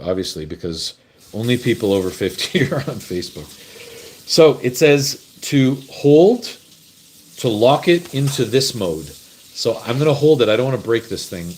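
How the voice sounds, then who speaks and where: A man's voice: medium pitch, darkish tone, slight background noise. Canadian dude rambling on a home livestream, chatty, messing with his camera. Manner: rambling, chatty, fumbles with gear. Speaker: host. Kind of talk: casual livestream chat.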